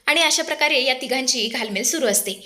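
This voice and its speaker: Brief: woman narrator for a soap-opera recap, high-pitched, expressive, talks to viewers. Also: fairly quick. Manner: expressive, addresses the audience. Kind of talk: dramatic TV serial recap.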